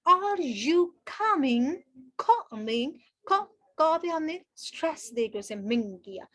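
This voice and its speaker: A woman's voice: fairly high pitch, no echo, clean studio sound. A woman teaching linguistics in a recorded lecture, explaining step by step, asking rhetorical questions and telling students what to underline.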